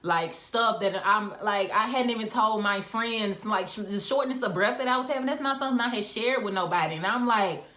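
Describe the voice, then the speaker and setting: A woman's voice: medium pitch, brisk, few pauses. Young woman vlogger, candid storytime chat on a phone, echoey room. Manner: candid, animated storytelling with asides and laughs. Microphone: phone camera. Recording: roomy echo.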